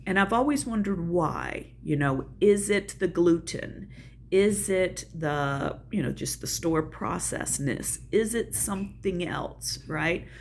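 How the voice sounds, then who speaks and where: This channel host, an older woman from the American South, rambles folksily about her own life and tosses in self-deprecating remarks. Her fairly low voice is expressive and slow, over slight background noise.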